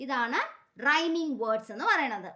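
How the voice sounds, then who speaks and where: A woman teacher with a Malayali accent gives a class lesson. She reads English words very slowly and explains quickly in between. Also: high voice, expressive, sharp tone. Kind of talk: online class lesson, slow dictation and rhyme drill.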